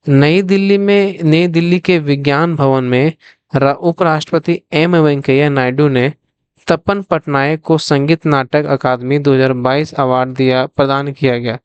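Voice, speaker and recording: A man's voice: fairly high pitch, a little mellow, clear, resonant tone, no room sound, muffled recording. A male coaching teacher giving a quiz-style revision lesson, repeating each question to the viewers before answering it himself. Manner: asks the viewers directly, then answers himself.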